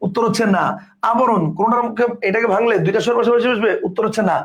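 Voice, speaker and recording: High-voiced male tutor for an online exam-prep class; patient, repeats each answer, keeps asking if it is clear. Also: fairly even intonation, rapid-fire. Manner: explains step by step, repeats questions and answers, asks if it is clear; reads out viewer comments. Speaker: teacher.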